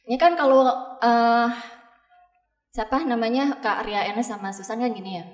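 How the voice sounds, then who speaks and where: A woman's voice: fairly high pitch, moderate pace. A woman hosting a casual school podcast, playful and teasing with her guests. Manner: playful and teasing, with bits of sung lines. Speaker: podcast host and teacher. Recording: long room reverb.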